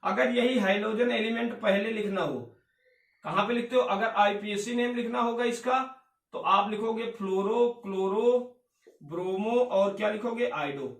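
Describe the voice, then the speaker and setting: A man's voice: sits high, normal speed. A male chemistry teacher lecturing a class, firing questions at his students and answering them himself, calling them beta and bhaiya. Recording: echoey room, voice from far off.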